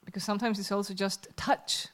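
A woman's voice: mid-range voice, steady tone, fairly quick. A woman giving a live spoken translation of a sermon in church, hesitant and searching for words as she goes. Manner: hesitant, searching for words with fillers and self-corrections. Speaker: interpreter.

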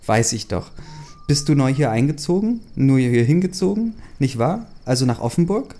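A man's voice: medium pitch, sing-song, moderate pace, warm tone, voice pushed up. A man reading the lines of a blunt, teasing teenage schoolgirl in a plain, questioning reading voice. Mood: curious.

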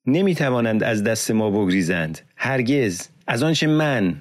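A man's voice: lowish voice, voice pushed up. A man reading an audiobook, voicing a grieving widowed woman who cries out in defiant, raised pleas.

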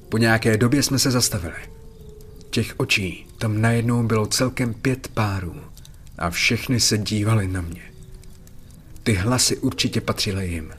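A man reading a first-person horror story aloud in a somber, measured narration. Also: medium pitch, a bit bright. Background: faint music.

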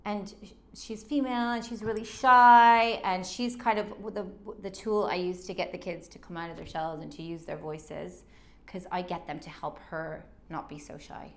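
A woman's voice: on the low side, fairly even intonation, moderate pace. A woman who teaches children drama, chatting casually and enthusiastically as an interview guest. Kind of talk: casual chat.

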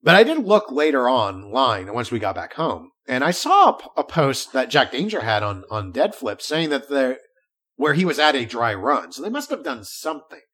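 Male podcast co-host, casual storyteller, swooping and expressive intonation, chatty and loose. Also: mid-range voice, moderate pace. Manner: animated storytelling with frequent restarts. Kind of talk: casual chat.

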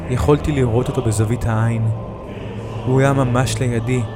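A man telling a first-person creepy story in a tense, hushed retelling. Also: mid-range voice, fairly even intonation. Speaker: narrator. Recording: music bed behind the voice.

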